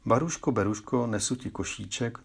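A man voicing a gentle, loyal little male songbird in a fairy tale, speaking in soft singsong rhymes. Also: mid-range voice, creaky, breathy edge. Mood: tender singsong. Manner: soft singsong rhyming lines.

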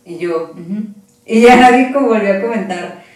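A woman with a Mexican accent, a guest telling a personal story casually and in a rambling, animated way. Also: fairly high pitch, brisk. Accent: Mexican Spanish. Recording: echoey room, far from the mic.

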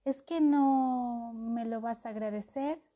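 A woman's voice: a little high, takes it slowly, dark tone. A woman voicing a tiny, grumpy male goblin in a storybook, grumbling and touchy.

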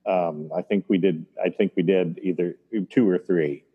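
A man talking over a video call in a reflective conversation, thoughtful and halting as he recalls the past. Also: sits low, steady tone, husky. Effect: voice heard over a video call. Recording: dull, lo-fi video call audio.

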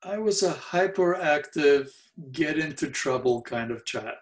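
With a slightly high voice and lively intonation, this man in his 70s shares childhood memories in an oral history interview. Yiddish was his first language and he speaks with a New York accent, mellow and halting and full of fillers.

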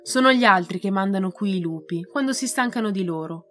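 Woman reading guarded mother, firm, composed, storybook voice, mid pitch. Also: lively intonation, fairly quick, soft background music, close to an everyday voice. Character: calm, guarded mother living with wolves.

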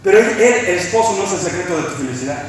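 A man preaching a sermon as pastor, impassioned, slowing down to stress his points. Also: high voice, lively intonation. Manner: impassioned preaching, slows for emphasis. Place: church sanctuary. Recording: echoey room, preacher far from mic.

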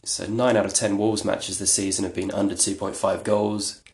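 Male podcast host, low gravelly voice, flat delivery, rambling and self-deprecating, echoey room. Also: moderate pace. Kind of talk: casual solo podcast talk.

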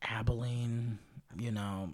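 A man's voice: medium pitch, level tone, slight background noise. A man in his twenties, a comedian, teasing a friend in casual chat. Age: 20s. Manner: teasing, drawn-out and playful.

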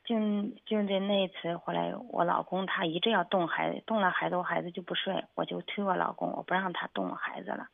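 Woman caller, hesitant and stammering, gravelly voice over a thin phone line. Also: lowish voice, level tone, no echo. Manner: halting, hesitant, many restarts. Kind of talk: radio call-in, telling a personal problem. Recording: phone-line call on radio.

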